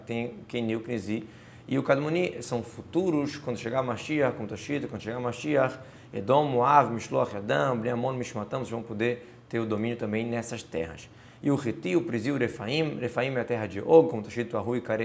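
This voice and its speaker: A man's voice: medium pitch, vocal fry. A man teaching a Torah lesson, reading verses aloud and explaining them word by word with Hebrew terms. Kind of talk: explanatory Bible commentary lesson.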